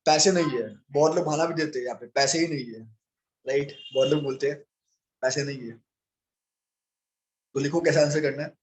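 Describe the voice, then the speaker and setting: A man's voice: on the high side, fairly even intonation, fairly quick, pauses often, slight background noise. A young man leading a training session, coaching listeners on how to answer objections and acting out both sides of the conversation. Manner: coaching, addresses listeners as sir, role-plays both sides. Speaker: business trainer. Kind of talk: training talk on handling objections.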